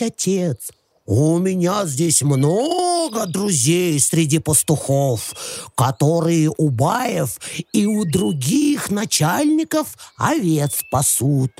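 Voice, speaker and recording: Storybook she-bear, warm and motherly, very slow lilting delivery, put on by a male narrator. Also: on the high side, full character voice. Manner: slow, soothing, hospitable. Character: kind motherly she-bear, gentle and caring.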